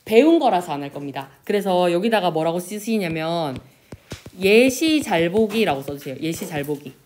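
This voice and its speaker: A woman teacher giving a classroom lesson, asking questions and answering them herself, and drawing out example words slowly. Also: lowish voice, a little hiss or hum. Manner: lively, pronounces example words slowly and drawn out. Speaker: Korean language teacher. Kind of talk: classroom lecture.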